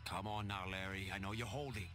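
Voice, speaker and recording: A man playing a cocky ninja hero in a video game, always firing off wisecracks. His voice sits on the low side, with game music running behind. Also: fairly even intonation, fairly quick, natural voice. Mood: wisecracking.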